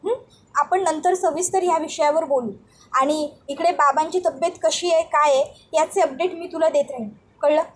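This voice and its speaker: A woman voicing a firm but caring sister-in-law who scolds and then calms a young woman. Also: high voice, normal speed, close to an everyday voice. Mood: soothing.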